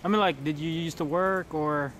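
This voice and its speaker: A man's voice: on the high side, fairly even intonation, moderate pace. A young man asking casual, filler-heavy questions in a street interview on a city sidewalk. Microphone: camera mic, behind the camera. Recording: loud street noise outdoors. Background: street traffic.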